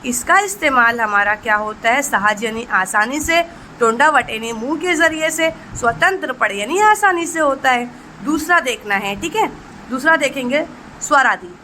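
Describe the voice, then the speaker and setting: A woman's voice: high voice, lively intonation, moderate pace, bright, forceful tone, slight background noise, rough recording. A woman teacher giving an exam-prep lesson, asking rhetorical questions and answering them herself, mixing Marathi terms into her explanations. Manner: addresses students fondly as children.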